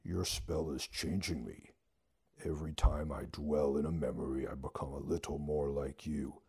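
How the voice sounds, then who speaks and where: A man voicing Death as a calm, deliberate figure who speaks slowly. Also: rumbling low, husky, full character voice. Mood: measured. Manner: slow and deliberate. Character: Death, slow and measured, calm being.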